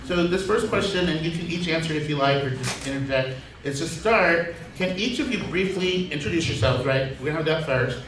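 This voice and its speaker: A man moderates a community panel in a relaxed, rambling way with plenty of fillers. His voice sits a bit high and comes from a distance, with a clear echo from the hall and clear noise behind him. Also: brisk. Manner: loose, chatty, lots of fillers. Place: large community center hall. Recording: echoey hall from far off.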